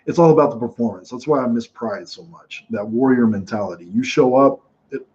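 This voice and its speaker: A man hosting casual live fight commentary from home, telling stories in a rambling, animated way with many restarts. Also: medium pitch, a little fast. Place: home room watching fights. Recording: dull lo-fi sound.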